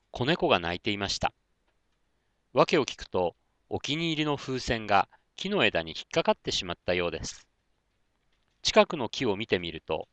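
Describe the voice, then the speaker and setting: A man narrating a children's story in a gentle, expressive manner. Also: lowish voice, no room sound.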